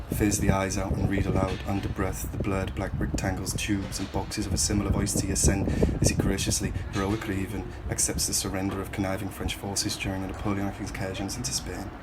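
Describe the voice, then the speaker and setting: A writer from Hull, England, reads his own second-person prose aloud in a measured, reflective, questioning manner. His low voice stays flat and even, with a steady hiss of background noise beneath it.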